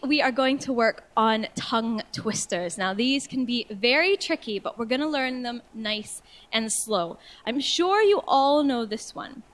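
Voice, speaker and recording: A cheerful woman teaches a vocal warm-up, coaxing her class along with encouragement. Her voice sits a touch high, and she slows right down to spell out each phrase clearly. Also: slight background noise, low-quality recording. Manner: encouraging, cheerful, speaks slowly and clearly when demonstrating. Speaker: singing tutor. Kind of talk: guided vocal warm-up lesson.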